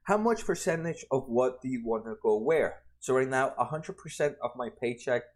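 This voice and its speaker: This personal finance explainer, a man in his twenties, speaks at a moderate pace with a medium-pitched, expressive voice. Walking through retirement funds over slides, he stays conversational, restarting often and adding frequent "right?" tags.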